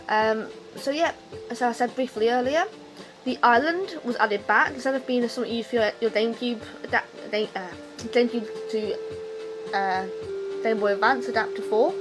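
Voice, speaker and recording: A woman's voice: on the high side, low-quality recording. A drunk woman on a rambling, unscripted rant about her hobby, loose-tongued, opinionated and emphatic in an exasperated way. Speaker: video game commentator.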